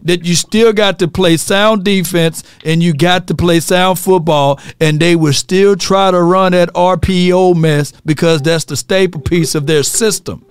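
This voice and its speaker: A man hosting a sports call-in show, with a Mississippi accent and a fairly high, smooth voice. He talks casual and teasing and laughs often. The sound is dry and close. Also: steady tone, unhurried, hardly any pauses, no room sound.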